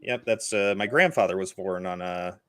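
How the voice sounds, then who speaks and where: A man's voice: low-pitched, moderate pace, a bit bright, clean tone, no room sound. A man hosting a casual live-streamed movie review chat, rambling with lots of filler words. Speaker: podcast host.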